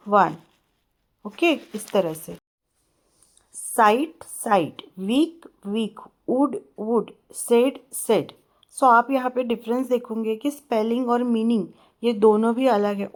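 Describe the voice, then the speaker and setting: Teacher lady, kinda high voice, reads english lines real slow then explains fast to the kids. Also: darkish tone. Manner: addresses students as children. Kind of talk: classroom lesson explanation.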